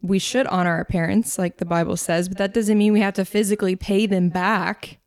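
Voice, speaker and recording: A woman co-hosting a casual faith-based discussion, talking conversationally with fillers and quick asides. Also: mid-range voice, fairly even intonation, clean tone, dry recording, studio quality. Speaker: podcast co-host.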